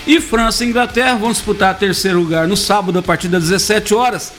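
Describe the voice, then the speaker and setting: A sports commentator from Brazil, a man with a high voice, talks about football in a joking, animated way and teases his co-hosts. Faint music plays underneath. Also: quick pace. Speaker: sports commentator on a radio show. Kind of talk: casual sports talk.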